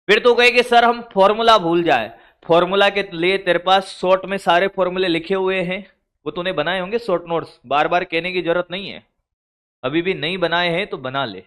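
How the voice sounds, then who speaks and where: Bright, forceful Hindi-speaking physics teacher. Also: male voice, high voice, smooth. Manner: scolding, colloquial, addresses students as brother and son. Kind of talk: exam strategy lecture.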